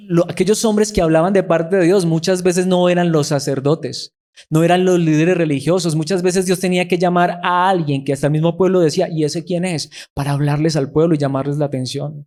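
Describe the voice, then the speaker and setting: A man's voice: on the high side, a little fast, darkish tone. A man preaching a sermon, who keeps putting rhetorical questions to the congregation.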